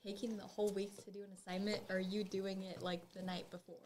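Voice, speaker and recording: A woman's voice: mid-range voice, flat delivery, fast, a little mellow, a little hiss or hum. A young woman in her late teens co-hosting a student podcast, chatty and giggly as she reads short stories aloud. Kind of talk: casual chat, reading stories aloud.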